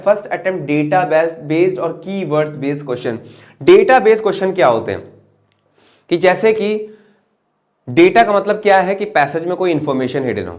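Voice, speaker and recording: A man teaching an exam-prep English lesson in Hindi, reading English phrases aloud slowly and asking "right?" to check in. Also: on the high side. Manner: asks "right?" to check understanding.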